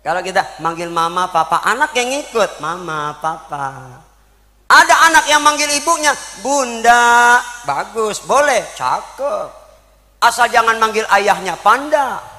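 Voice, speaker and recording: Male preacher, high sharp voice, jokey and lively with the crowd, echoey mosque hall. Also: normal speed, hardly any pauses. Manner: joking, animated, asks the audience questions. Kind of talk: humorous sermon. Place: mosque gathering.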